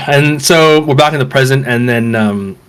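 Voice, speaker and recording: A man hosts a podcast in casual, enthusiastic chat, calling his co-host "bro." His voice is medium-pitched, a bit bright, and smooth at a measured pace, with lots of fillers and restarts.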